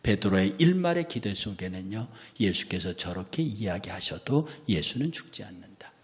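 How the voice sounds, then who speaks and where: A male pastor delivers a sermon in a church, and his voice rises and falls with wide swings of pitch. He sinks into near whispers, then bursts out loudly when he quotes someone. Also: animated, normal speed. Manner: dramatic, swings from whispers to loud outbursts when quoting. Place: church sanctuary.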